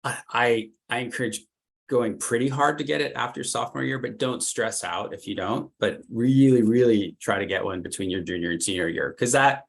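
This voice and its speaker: A man's voice: mid-range voice, normal speed, gravelly. A middle-aged man giving a casual career workshop, chatty and loose, with lots of "like" fillers and repeated words. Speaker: workshop presenter, consultant.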